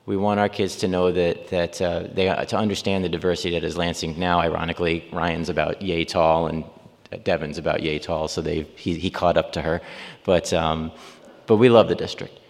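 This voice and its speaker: A man's voice: low voice, flat delivery, normal speed. A man in his forties from Long Island, a city mayor talking informally to a church congregation, rambling with frequent ums and restarts. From Long Island, New York. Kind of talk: informal speech and Q&A. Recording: reverberant church hall.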